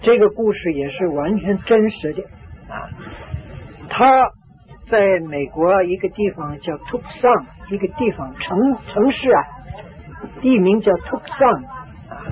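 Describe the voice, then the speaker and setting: A man preaching a storytelling sermon, repeating phrases for emphasis and filling pauses with drawn-out "ah"s. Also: sits high, lively intonation. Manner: repetitive, emphatic, frequent drawn-out "ah" fillers. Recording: tinny phone-like lo-fi recording.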